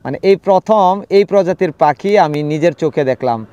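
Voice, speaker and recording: A man narrating a casual travel vlog outdoors from a safari vehicle, excited and sometimes hushed while he films wildlife. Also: fairly high pitch, brisk, dry recording, lo-fi sound. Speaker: travel vlogger.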